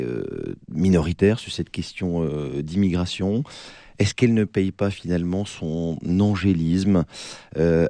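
A man with a French accent from France hosting a political debate, his gravelly, hollow voice hoarse from a cold. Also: low-pitched, warm tone, no room sound, studio quality. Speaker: debate show host.

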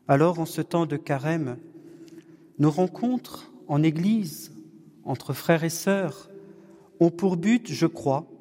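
A man leading a discussion evening for his parish, speaking in a slow, measured way with touches of gentle humour. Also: a little high. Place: church or parish hall with long reverb. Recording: long hall reverb, distant room mic.

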